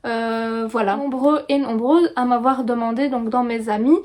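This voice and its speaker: A woman in her thirties with a Belgian French accent, chatting casually about books in a vlog, with many pauses and fillers. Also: fairly high pitch, fairly even intonation, a little mellow. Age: 30s. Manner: chatty, hesitant with frequent fillers. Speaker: book vlogger. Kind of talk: casual book review vlog. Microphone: phone.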